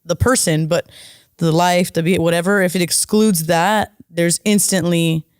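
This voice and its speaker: A woman's voice: lowish voice, fairly even intonation, measured pace, clean tone, no room sound, studio quality. A woman co-hosting a podcast, chatting casually in an informal, emphatic way. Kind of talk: casual chat.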